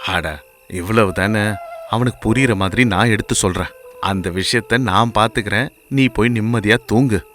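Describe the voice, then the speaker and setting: A man voicing a calm, kind village potter father who speaks in a slow, reassuring way. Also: on the low side, natural voice. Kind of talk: storybook voice acting.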